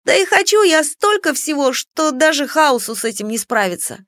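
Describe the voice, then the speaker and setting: A woman's voice: high-pitched, very animated, moderate pace, a bit bright, no room sound, clean studio sound, pitched above the performer's own voice. A woman voicing a playful small female creature companion who teases and grumbles. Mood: grumbling. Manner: teasing, grumbling.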